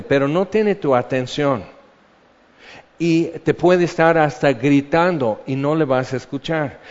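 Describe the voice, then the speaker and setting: Mexican preacher teaching in an echoing hall. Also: male voice, on the high side, darkish tone. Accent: Mexican Spanish. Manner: chatty and explanatory, often checks in with "ok". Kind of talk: conversational Bible teaching sermon. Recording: dull audio with long hall reverb.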